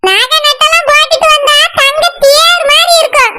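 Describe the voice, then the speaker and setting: A woman's voice: very high voice, fairly even intonation, normal speed, pushed and bright, pitched above the performer's own voice. A woman voicing a proud, doting middle-aged village mother with a Kanyakumari Tamil accent in a cartoon. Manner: proud, sing-song, teasing. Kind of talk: cartoon voice acting.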